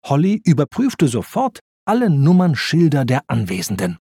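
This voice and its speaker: A man narrating a children's storybook with expressive, slow reading. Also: on the high side, husky, no echo, studio quality.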